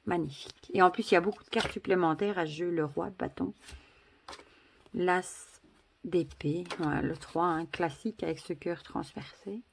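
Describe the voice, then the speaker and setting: A woman's voice: on the low side, moderate pace, gravelly, slight background noise. A woman with a Belgian French accent in a casual vlog, chatty and gushing, full of exclamations and asides as she shows things to the camera. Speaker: vlogger.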